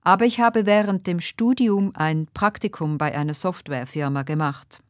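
A woman playing a nervous but polite job applicant in a scripted dialogue for language learners, speaking carefully and clearly. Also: fairly low pitch, moderate pace, dry recording, studio quality, natural voice.

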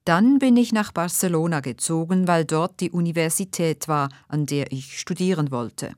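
A woman playing a nervous but polite job applicant in a scripted dialogue for language learners, speaking carefully and clearly. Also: sits low, moderate pace, a little mellow, no room sound, clean studio sound, close to an everyday voice.

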